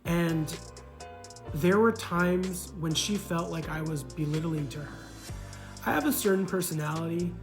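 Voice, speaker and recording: A man's voice: a little high, unhurried, over music. A man talking earnestly about his failed marriage, with a lot of "you know" and repeated words. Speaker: man recounting his divorce. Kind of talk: casual reflective monologue.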